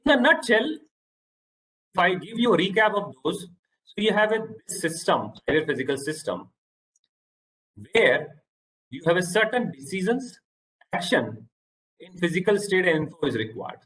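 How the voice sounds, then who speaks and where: A man with an Indian English accent giving a halting online lecture over a video call, often repeating words. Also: high-pitched, a bit bright, rough recording.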